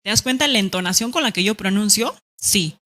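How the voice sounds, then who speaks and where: A woman teaching a grammar lesson online, lively and acting out example sentences, checking in with "¿ya?". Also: mid-range voice, brisk.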